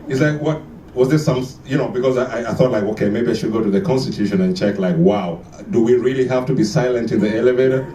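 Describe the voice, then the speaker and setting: A man's voice: mid-range voice, fast, warm tone, echoey room, far from the mic, slight background noise. A man from Kenya performing a stand-up comedy set, telling stories and acting out the dialogue. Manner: storytelling, acts out dialogue with shifting voices. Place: live comedy venue with audience.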